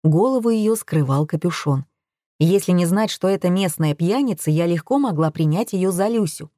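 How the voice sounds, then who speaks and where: A woman narrating an audiobook in a steady, measured way. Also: fairly low pitch, dry recording, studio quality.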